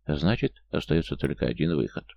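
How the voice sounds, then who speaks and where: A man's voice: very deep voice, lively intonation, brisk, creaky, darkish tone, highs cut off, heavily acted. A male audiobook reader voicing a frightened young single mother, pleading and close to tears. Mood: weary. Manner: anxious, pleading, tearful.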